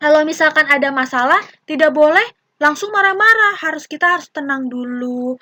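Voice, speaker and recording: A woman's voice: high voice, expressive, fairly quick, pushed and bright, no echo. A young woman teacher with an Indonesian accent, patiently explaining a lesson to young children and acting out short example dialogues.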